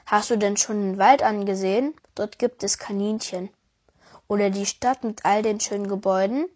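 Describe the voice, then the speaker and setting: A woman's voice: medium pitch, fairly even intonation, moderate pace, darkish tone, close to an everyday voice. A woman voicing a curious, friendly young girl in a storybook, full of cheerful questions. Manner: cheerful, inquisitive, giggly. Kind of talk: storybook voice acting.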